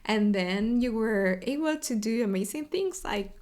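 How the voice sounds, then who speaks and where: A young woman with an Argentine Spanish accent hosting a video podcast, telling her personal story in an unhurried, friendly way with many ums and restarts. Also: fairly high pitch, animated, darkish tone. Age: young adult. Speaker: video podcast host, web developer advocate. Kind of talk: casual personal storytelling to camera.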